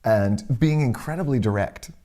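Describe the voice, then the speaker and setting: A man's voice: mid-range voice, moderate pace, mellow. A man co-hosting a casual chat, wry and rambling as he tells stories. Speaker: podcast co-host.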